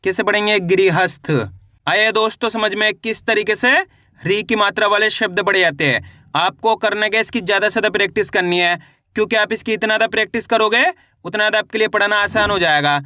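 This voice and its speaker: A man teaching children to read, spelling out each syllable slowly and then blending it into the whole word. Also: high-pitched, steady tone, bright, forceful tone, no room sound, studio quality. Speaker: Hindi reading teacher. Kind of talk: slow syllable-by-syllable reading lesson.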